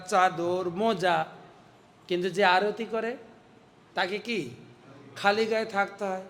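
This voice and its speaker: A monk delivering a storytelling sermon, animated and dramatic, acting out the voices in the story. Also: male voice, sits high, a little hiss or hum.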